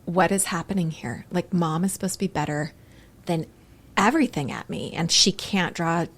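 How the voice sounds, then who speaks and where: Lively, laughing woman guest telling stories. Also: on the low side, normal speed, slightly rough. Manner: animated storyteller, laughs often, acts out quotes. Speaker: guest artist and author. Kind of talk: casual podcast chat.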